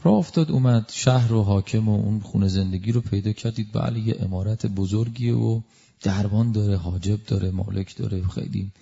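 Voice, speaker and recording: A man preaching a devotional sermon through a story, emotive, swinging from loud exclamations to hushed asides. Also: lowish voice, gravelly, muffled recording.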